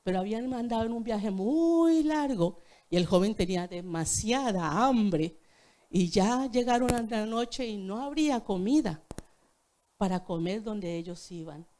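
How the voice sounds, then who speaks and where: A woman's voice: mid-range voice, warm tone. A woman preaching a sermon in a church, telling a story and speaking directly to the congregation.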